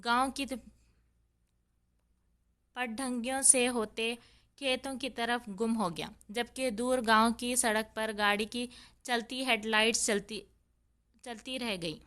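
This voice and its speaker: Female audiobook narrator, smooth clear voice, slightly high, steady dramatic read. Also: pauses often. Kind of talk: novel read-aloud.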